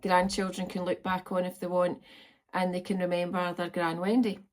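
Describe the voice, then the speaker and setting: Her delivery completely flat, her pitch fairly low and her pace moderate, a Scottish vlogger in her fifties meanders through a casual talk to camera with many ums. She records indoors at her farm home.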